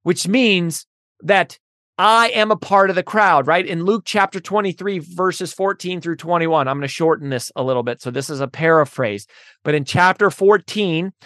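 A woman's voice: fairly low pitch, moderate pace, a bit bright, no echo, clean studio sound. Earnest woman preaching on a podcast. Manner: earnest, building to impassioned intensity with repeated phrases. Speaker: podcast host. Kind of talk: religious teaching monologue.

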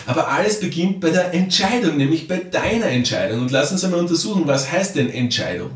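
Man coaching, roomy distant sound. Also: on the high side. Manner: addresses listener directly, often checks in with "ja?". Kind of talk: coaching talk to listener.

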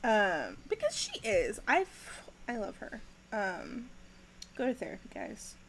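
A young woman hosting a podcast, recapping a TV episode in casual chat, laughing often and filling pauses with ums. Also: on the high side, huge pitch swings, fairly bright tone, a little hiss or hum, rough recording.

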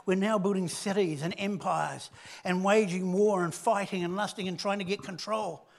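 A man preaching a sermon, retelling a story and dropping from loud emphasis to hushed, low tones. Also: fairly even intonation, moderate pace, creaky.

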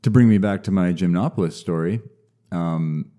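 A young man, a mycologist guest, talking casually and explaining things in a measured way with some restarts. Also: low-pitched, warm tone. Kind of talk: casual podcast interview.

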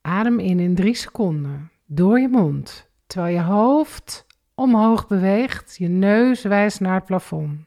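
A woman leads a guided relaxation exercise, talking the listener through each movement and breath. She speaks at a very unhurried pace, and her voice carries a noticeable vocal fry. Her delivery is calm and methodical, counting out the breaths. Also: medium pitch. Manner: slow, calm step-by-step guidance with counted breaths.

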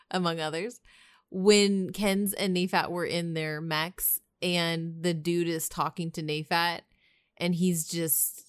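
A woman co-hosting a casual podcast chat, often laughing as she talks. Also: fairly low pitch. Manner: giggly, often laughing while talking. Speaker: podcast co-host.

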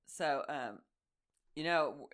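A woman with an Oklahoma accent, co-hosting a faith podcast and telling stories in a casual, animated way. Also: low-pitched, slow pace. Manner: animated storyteller, acts out quotes. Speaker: podcast co-host.

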